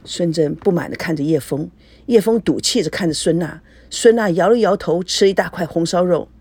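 A woman narrating a novel in an expressive storytelling manner. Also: fairly low pitch, fairly quick, breathy edge, no room sound. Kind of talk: novel reading.

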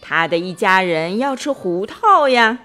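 A woman's voice: mid-range voice, unhurried, soft background music. A woman voicing a patient, sleepy male barnyard friend who soothes the little ones to sleep. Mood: sleepy calm. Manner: calm, soothing, yawning.

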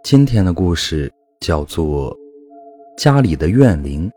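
A man narrating a first-person ghost story in a measured, calm storytelling manner. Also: low voice, soft background music.

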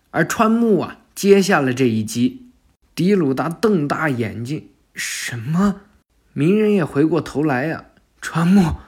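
Husky man retelling a cartoon episode. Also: on the high side, a little mellow. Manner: chatty, drawn-out storytelling particles. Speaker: storyteller. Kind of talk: casual retelling of an anime episode.

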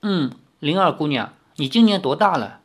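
A man raising his voice into a proud teenage swordswoman from a storybook, quick to bristle and snap. The voice is pitched high and leaps around restlessly, sharp and quarrelsome. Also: lively intonation. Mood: huffy.

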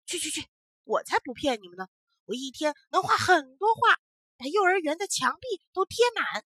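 A chubby little braggart boy from a bedtime storybook, as a woman storyteller puts him on. He talks loudly and bossily in a bright, lively voice. The sound is dry and close. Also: sits high, normal speed, no echo, pitched above the performer's own voice. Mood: boastful. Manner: bragging, loud.

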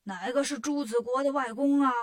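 A woman's voice: high-pitched, brisk, natural voice. A woman voicing a sly, bullying male demon king in a storybook tale, blustering and scheming. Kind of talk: storybook character voice.

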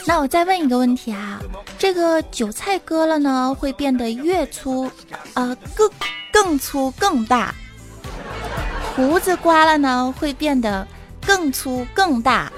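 A woman hosting a comic podcast, telling jokes and teasing her audience in a playful, animated way. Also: sits high, measured pace. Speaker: podcast host. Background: background music.

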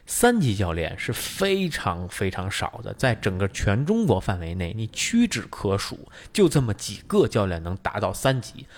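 A man's voice: lowish voice, wildly swooping pitch, moderate pace, hardly any pauses. A man co-hosting a podcast, explaining things at length in casual chat, with many fillers. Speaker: podcast co-host.

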